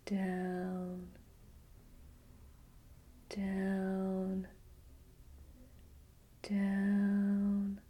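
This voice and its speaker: A woman whispering a slow, soothing guided relaxation with gentle repetition. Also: mid-range voice, breathy edge. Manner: soft unvoiced whisper. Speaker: hypnosis guide.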